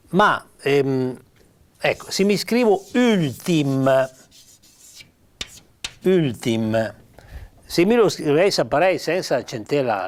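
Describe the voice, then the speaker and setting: Piedmontese man, lively explaining tone. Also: on the high side. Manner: patient, repeats sample words slowly, frequent fillers. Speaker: writer explaining spelling. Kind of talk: informal spoken lesson.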